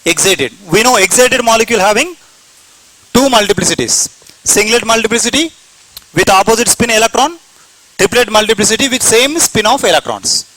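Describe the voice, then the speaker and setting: A man with an Indian English accent teaches a chemistry class, repeating his points and posing questions he then answers himself. His voice is high-pitched and expressive, fairly quick, with a sharp tone, captured on a rough recording.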